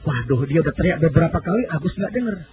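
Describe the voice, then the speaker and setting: Male pastor telling a story from the pulpit, high voice, swings up and down, thin phone-like sound. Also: expressive, fast talker, background noise. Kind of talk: sermon storytelling.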